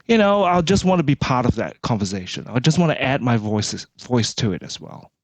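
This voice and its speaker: A man's voice: medium pitch, sing-song, a little fast, no echo. A man, a guest speaking in an earnest, reflective way with frequent restarts. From Malaysia. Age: 40s. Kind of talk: casual interview talk.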